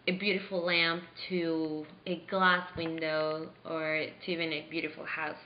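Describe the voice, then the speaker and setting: Low-voiced young woman from Venezuela. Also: slight background noise. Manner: earnest, halting with fillers. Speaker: interviewee playing a charity founder. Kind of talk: staged mock interview. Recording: roomy, slightly dull sound.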